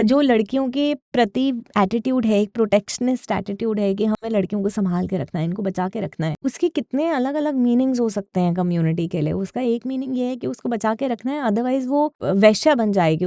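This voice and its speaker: A woman's voice: fairly high pitch, mellow, no echo, studio quality. Earnest young woman telling a story. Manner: conversational, mixes Hindi with English phrases; earnest and plain-spoken. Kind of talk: casual storytelling monologue.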